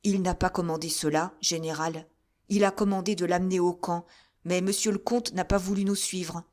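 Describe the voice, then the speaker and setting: A woman's voice: lowish voice, fairly even intonation, moderate pace, a little mellow, close to an everyday voice. A woman voicing a threatening soldier officer. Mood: apologetic. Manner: threatening, raised voice. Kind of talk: audiobook character reading.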